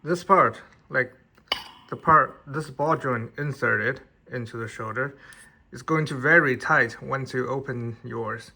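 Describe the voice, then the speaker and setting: A man's voice: mid-range voice, measured pace, creaky, sharp tone, breathy edge. A man, not an English speaker, casually reviewing an action figure in plain conversational talk with restarts. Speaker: toy reviewer.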